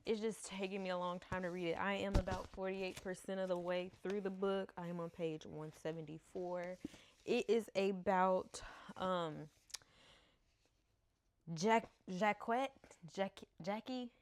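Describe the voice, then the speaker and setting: A woman's voice: fairly low pitch, flat delivery, moderate pace. A woman in her thirties from the United States, a book vlogger chatting casually at home into a camera mic, laughing often and stumbling over names. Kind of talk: casual chat.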